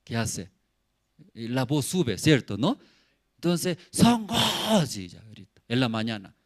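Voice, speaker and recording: A man's voice: mid-range voice, lively intonation, unhurried, no room sound. A middle-aged man preaching a sermon as pastor, in simple non-native phrasing, repeating words for emphasis and asking the congregation questions. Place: church service.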